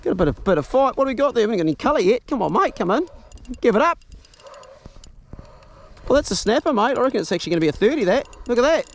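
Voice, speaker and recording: A man's voice: extremely high pitch, big pitch swings, very fast, long pauses. A man with a broad New Zealand accent chatting casually as a fishing video host, blokey, sweary and matey. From South Island, New Zealand. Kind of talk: casual chat to companion and camera. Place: outdoors on the water while fishing. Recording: clear outdoor boat and water noise.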